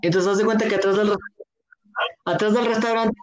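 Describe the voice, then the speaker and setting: Mexican man, high voice, casual slangy storyteller who voices the people in his tale. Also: fairly quick. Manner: slangy, relaxed, acts out the lines of people in the story. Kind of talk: casual chat, telling a drinking anecdote.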